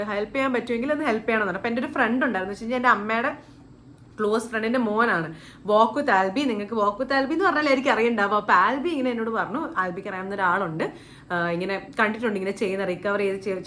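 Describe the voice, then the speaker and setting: A young woman telling a story to her viewers in a casual, animated vlog, dropping English words into her talk. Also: fairly high pitch, slight background noise. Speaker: YouTuber.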